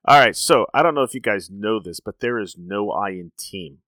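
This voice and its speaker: Chatty, animated man reacting to TV episodes. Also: lowish voice, moderate pace, dry recording. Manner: chatty, informal. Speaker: reaction host. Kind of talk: casual TV episode reaction commentary.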